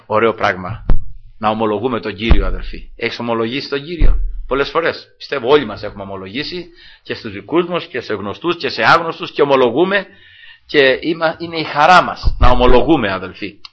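A man from Greece preaching a fervent sermon, shifting from quiet asides to loud exclamations and repeatedly addressing his listeners as brethren. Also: mid-range voice, lively intonation, lo-fi sound. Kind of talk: evangelical sermon.

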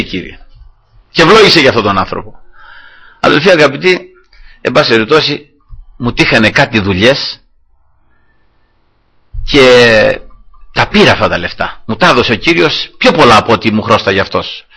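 Lively, husky Greek-speaking preacher man. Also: mid-range voice, long pauses. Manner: animated storytelling, acting out dialogue. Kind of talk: sermon with personal testimony.

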